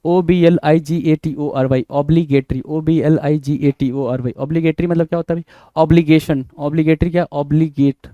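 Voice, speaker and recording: Male tutor, fairly high, mellow tone, dry recording, repeats and spells words. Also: steady tone, moderate pace, no room sound, muffled recording. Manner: repetitive, spells words letter by letter, quizzing the viewer; mixes Hindi and English. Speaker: English vocabulary teacher. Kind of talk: exam-prep vocabulary lesson.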